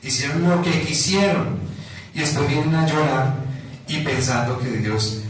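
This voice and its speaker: A man's voice: on the high side, unhurried. A man with a Colombian accent preaching an expository sermon as pastor, emphatic, often checking in with the congregation. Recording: very echoey room, mic far off, faint noise.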